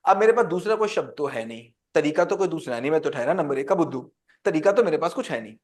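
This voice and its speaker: Man, high voice, teacher, interactive lecture, asks the class questions. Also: animated, fast. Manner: quizzes the class with call-and-response questions.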